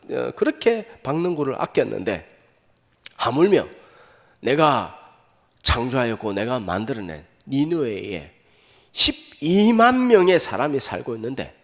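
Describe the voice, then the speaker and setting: Stern rebuking god, a man preaching does the voice, rising questions, gravelly, lively pitch. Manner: insistent, rising rhetorical questions. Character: God rebuking a sulking prophet, stern and fatherly. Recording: echoey hall.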